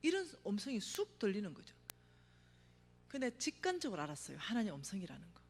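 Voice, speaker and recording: A middle-aged woman giving a testimony sermon at a revival meeting, telling her story with vivid acted-out cries and sudden hushed asides. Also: mid-range voice, fast, husky. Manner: animated storytelling, acts out her own cries, drops to a hush for emphasis. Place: church sanctuary. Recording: reverberant church hall.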